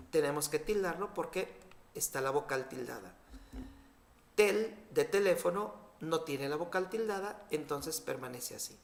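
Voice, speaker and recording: A man with a Mexican Spanish accent, explaining spelling rules in a clear, deliberate scripted lesson. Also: on the high side, a bit bright, reverberant. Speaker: spelling teacher.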